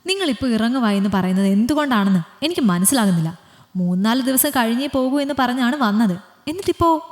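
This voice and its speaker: A gentle young man, as a woman narrator plays him, speaking softly and asking more than telling. Her reading voice stays close to her own. A long echo hangs behind. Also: fairly high pitch, lively intonation, fairly quick, pitched above the performer's own voice, natural voice. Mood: puzzled.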